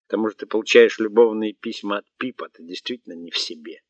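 A man's voice: fairly low pitch, quick pace, no room sound, natural voice. A man reading a blunt, scolding woman keeper. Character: sharp-tongued, impatient woman zoo keeper. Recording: dull, muffled audiobook recording.

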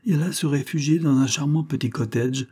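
A man narrating a classic serial story in a measured, dramatic reading. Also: on the high side, dark tone, breathy edge. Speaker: audiobook reader. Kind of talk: scripted narration of a serial novel.

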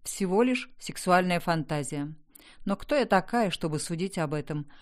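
A woman's voice: lowish voice, animated, normal speed. A woman reading a first-person audiobook in a wry, conversational storytelling manner. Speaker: audiobook narrator. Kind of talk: scripted first-person narration.

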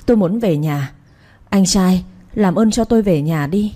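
A woman voicing a frightened young woman who pleads tearfully with her captors, in a read-aloud story. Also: warm tone. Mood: tearful begging. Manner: tearful, begging, quick and high.

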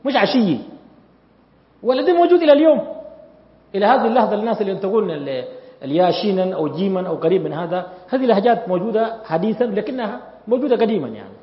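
A man's voice: high voice, racing. A man teaching a grammar class, questioning his students as he lectures. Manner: lively, asks the class questions. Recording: echoey hall, dull lo-fi sound.

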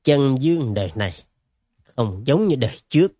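A man voicing a dead male cultivator, murmuring quietly in a wry, reflective way. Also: mid-range voice, big pitch swings, moderate pace, no echo, clean studio sound. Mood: wry musing.

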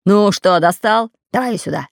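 A woman's voice: medium pitch, normal speed, creaky, dry recording, clean studio sound, close to an everyday voice. A woman voicing a fat red-bearded pirate captain who growls orders. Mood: impatient. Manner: growling, commanding.

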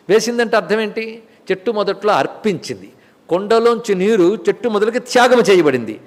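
A man's voice: high-pitched, long reverb tail. A man giving a spiritual discourse on scripture, who explains verses by repeating key words and asking rhetorical questions. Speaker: spiritual teacher. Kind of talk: Bhagavad Gita discourse.

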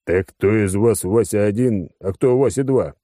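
Guy reading as a crude jokey spaceman, brash and low, dry sound. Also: normal speed, warm tone, no echo, close to an everyday voice. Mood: joking. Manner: brash, joking. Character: crude, jolly male clown-like crewman.

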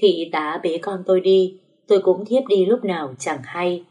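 Woman telling a story in first person, kinda low voice. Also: moderate pace, mellow. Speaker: narrator.

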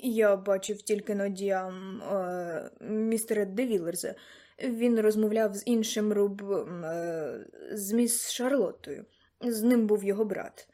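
A woman's voice: mid-range voice, fairly even intonation, moderate pace, dark tone, close to an everyday voice. A woman reading an audiobook voices a nervous, awkward young man who stammers and hesitates.

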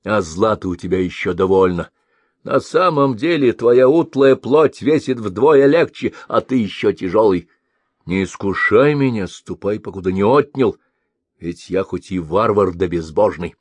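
A curt, unmoved old mercenary warlord with a low, gruff voice, played by a male storyteller. He grumbles his words in a close, dry audiobook recording. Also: animated, measured pace, a little mellow, dry recording. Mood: stern.

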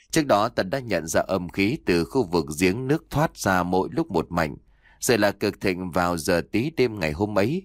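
A man's voice: deep voice, no echo, studio quality. A man voicing a wise old exorcist master.

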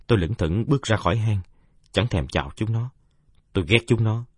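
Husky, low-voiced male storyteller. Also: a little fast, no room sound, studio quality. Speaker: narrator. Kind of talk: audiobook narration.

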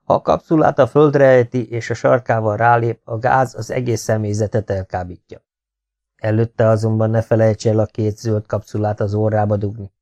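Gorm, a man reading a brisk male conspirator. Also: on the low side, steady tone, darkish tone, natural voice. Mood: instructive. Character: brisk, practical male conspirator giving instructions.

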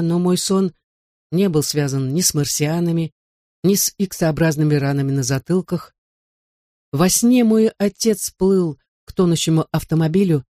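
A man reading a first-person audiobook in a measured, even storytelling manner. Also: a little high, no echo, clean studio sound. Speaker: audiobook narrator.

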